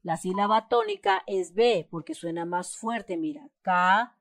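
A woman's voice: lowish voice, normal speed, no room sound. A woman with a Mexican Spanish accent explains a schoolbook exercise step by step, patiently stressing syllables as she reads example words. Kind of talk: step-by-step homework lesson.

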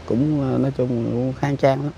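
A man's voice: medium pitch, steady tone, moderate pace, creaky, mellow, dull audio, slight background noise. A man, speaking outdoors at a rural cemetery and recounting events in an emphatic, indignant way. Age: 40s. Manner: emphatic and indignant, repeats himself. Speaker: interviewee, relative of the deceased. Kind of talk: casual conversational interview.

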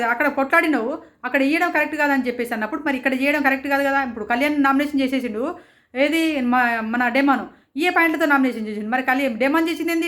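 A woman's voice: high voice, fairly bright tone. A woman with a Telangana Telugu accent reviewing a reality show in casual commentary, heated and full of rhetorical questions to her viewers.

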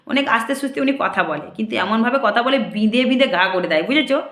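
A woman's voice: fairly high pitch, animated, fast, fairly bright tone, reverberant. A woman, a temple priestess, talking straight to her viewers in a casual monologue, indignant and full of rhetorical questions.

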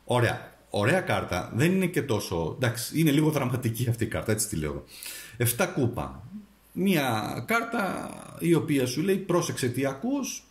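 A man gives a tarot reading, talking straight to the viewer and offering advice. His pitch swings up and down as he speaks. The room around him echoes. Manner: animated, addresses the viewer directly, gives advice. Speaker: tarot reader and astrologer.

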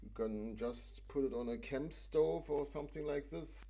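A man hosting a casual product demo at home, talking with many pauses and fillers. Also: mid-range voice, warm tone. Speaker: video host. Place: indoors at a home stove.

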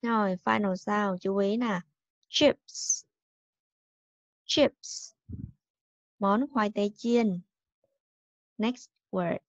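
A woman teacher giving a recorded bilingual English lesson to young children. She stresses and repeats each English word clearly. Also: medium pitch, fairly even intonation, slow, dry recording, lo-fi sound. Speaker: primary school English teacher.

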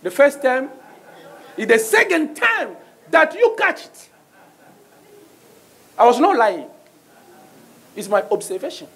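A middle-aged guest preacher with a French accent, holding a mic at the pulpit on a small church stage, preaches slowly with frequent pauses. His very high, fairly bright voice has a breathy edge and huge pitch swings. He calls out "Amen?" so the congregation will respond.

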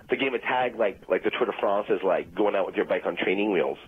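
A man's voice: fairly low pitch, quick pace. A man on the phone rambling insistently through a long explanation, getting flustered when he is not being listened to. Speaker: phone-in guest. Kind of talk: comedic phone conversation. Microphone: telephone. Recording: tinny phone line with faint music.

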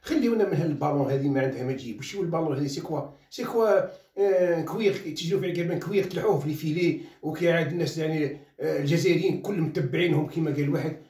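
With a fairly high but darkish voice, a Khenchela journalist with an Algerian Arabic accent rants very fast, slipping into French phrases as his commentary heats up. The recording has roomy echo from a mic placed at a distance.

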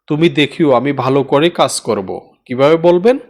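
A man from Bangladesh teaching a spoken language lesson, repeating each phrase slowly and often asking his listeners if they follow. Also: mid-range voice, animated. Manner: slow repetition of phrases, checking in often.

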